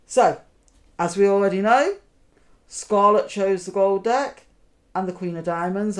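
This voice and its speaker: Slow-paced woman doing card magician patter. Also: medium pitch. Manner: deliberate, step-by-step, asking checking questions. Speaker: magician, host. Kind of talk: card magician patter, talking the audience through a trick.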